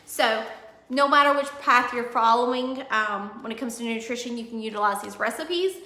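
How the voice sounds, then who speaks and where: A woman fitness coach chatting through a nutrition plan in a casual video, rambling with many ums and self-corrections, a bit hoarse. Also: on the high side, moderate pace, bright, forceful tone. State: losing her voice. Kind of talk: casual product walkthrough video. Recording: echoey room.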